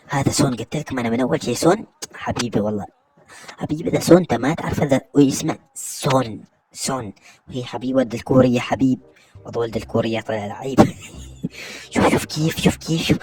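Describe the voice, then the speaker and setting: A man with an Omani Gulf Arabic accent giving live gameplay commentary as a gaming YouTuber, excitable, repeating words and bursting into shouted goal calls. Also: mid-range voice. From Oman.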